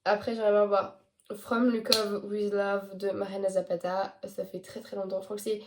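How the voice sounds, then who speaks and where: A woman's voice: medium pitch, level tone, normal speed, background noise. A teenage girl chatting casually to her viewers, hesitant and a little tired and sick, stumbling over English titles. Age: teens. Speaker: book vlogger. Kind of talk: casual chat to camera.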